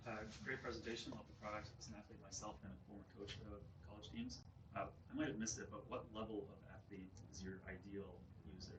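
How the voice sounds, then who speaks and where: A man in the audience asking quick, probing questions. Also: on the low side, steady tone, noisy background. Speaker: audience member. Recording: far from mic, roomy hall.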